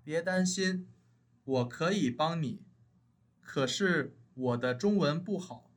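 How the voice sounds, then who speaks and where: A man reading his part in a scripted textbook dialogue for a language lesson, speaking slowly and carefully. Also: on the high side, lively intonation. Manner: slow, careful enunciation.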